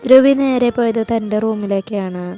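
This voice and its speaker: A woman narrating a romance story in an even storytelling delivery. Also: fairly high pitch, moderate pace, faint music behind.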